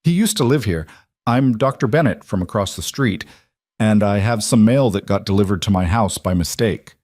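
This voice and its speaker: A man's voice: fairly low pitch, moderate pace, a little mellow, no room sound, studio quality, natural voice. A man voicing a tired woman doctor with a slight Southern accent, polite and apologetic. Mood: weary, apologetic.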